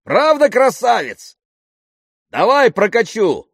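A man voicing a boastful, cheerful young male aviator who talks loudly and exuberantly. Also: fairly low pitch, very animated, normal speed, dry recording, studio quality.

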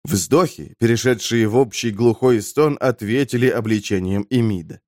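A man narrating a fantasy audiobook in an expressive storytelling voice. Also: mid-range voice, moderate pace, dry recording, clean studio sound.

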